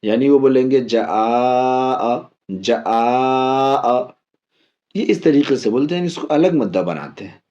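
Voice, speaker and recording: Patiently teaching Quran reading step by step, a man spells out letters slowly and repeats each drill. His mid-range voice is mellow with lively intonation, and the highs are cut off.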